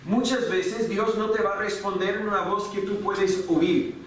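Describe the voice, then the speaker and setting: A man with a fairly high voice preaches an earnest sermon from the pulpit, asking his congregation question after question. The sound rings through a large, echoing church sanctuary, picked up by a mic some distance away with a faint hiss underneath. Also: fairly even intonation, measured pace, fairly bright tone. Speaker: pastor.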